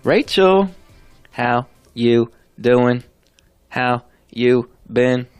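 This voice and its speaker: A man's voice: medium pitch, lively intonation, drawn-out words, smooth, no room sound, soft background music. Joking male radio co-host, dry studio sound. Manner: joking, teasing banter. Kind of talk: casual radio chat.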